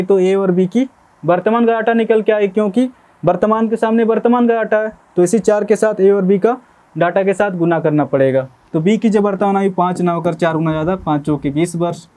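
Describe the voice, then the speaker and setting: A young math teacher with a high, mellow voice takes his class through a lesson step by step. He keeps checking understanding with "okay?" and a repeated "theek hai" as he explains.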